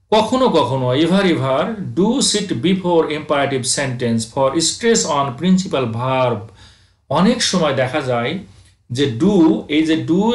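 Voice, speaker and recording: A man teaching English grammar over slides, asking his students questions and answering them himself, reading the English examples out slowly. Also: fairly high pitch, reverberant. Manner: addresses students as dear friends, asks and answers own questions; reads English examples slowly, then explains.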